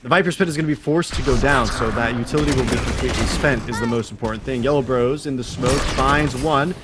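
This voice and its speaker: A man giving live esports commentary, explaining tactics in a measured, detailed way. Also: medium pitch, heavy background noise.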